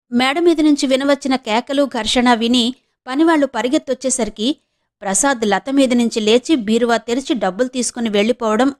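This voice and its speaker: A woman from Andhra Pradesh narrating a novel as an audiobook reader, in steady, dramatic storytelling. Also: fairly high pitch. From Andhra Pradesh, India.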